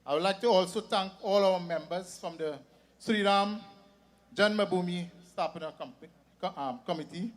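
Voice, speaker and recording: A high-pitched man speaks to a festival crowd as an organizer. He runs through his thanks steadily from a list. When he speaks freely he stumbles over repeated words and restarts. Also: normal speed. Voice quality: reads a long list steadily, then speaks with restarts and repetitions. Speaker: event organizer. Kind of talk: public address at a religious festival.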